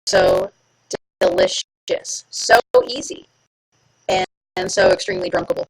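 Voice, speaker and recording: Streaming live from home, this woman chats playfully with her audience and teases herself in a casual, talkative way. Her voice is very deep and unhurried, swinging hugely in pitch, with vocal fry and a breathy edge, and the recording is rough.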